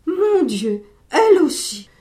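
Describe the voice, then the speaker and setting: A woman reading aloud puts on an anxious old farmer who frets over his goats and raises his voice in alarm. The delivery is slow and mellow, with a slightly high pitch. It is a storybook reading. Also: animated. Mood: pleading. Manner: pleading, exclaiming loudly. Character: worried kindly old male goat farmer.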